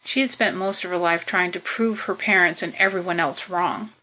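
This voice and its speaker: A woman narrating a science fiction novel as an audiobook, in a steady, measured storytelling manner. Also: fairly low pitch, poor audio.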